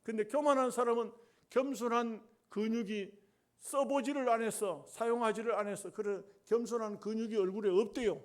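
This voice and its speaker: High-voiced pastor preaching. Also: male voice, steady tone. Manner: emphatic, drawn-out phrases with folksy humorous asides. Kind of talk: sermon.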